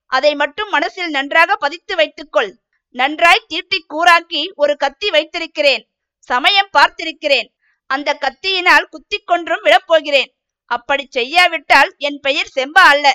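A sharp-tongued young village woman flares up in jealous taunts, as a woman reads her out in a storybook. The voice is high and bright, the scolding quick and biting. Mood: fierce taunting.

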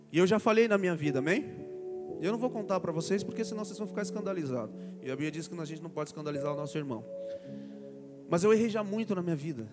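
A man preaches a sermon in a fairly high voice. He swings from loud proclamation to soft, joking asides. The sound rings with long hall reverb over faint music.

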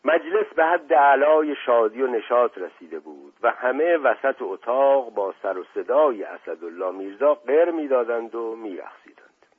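Husky male audiobook narrator. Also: medium pitch, animated. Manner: dramatic storytelling. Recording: tinny phone-like audio.

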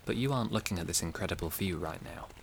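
A man guiding a relaxation exercise and narrating a sleep story in a slow, soft, soothing way. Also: sits low, animated, slight background noise.

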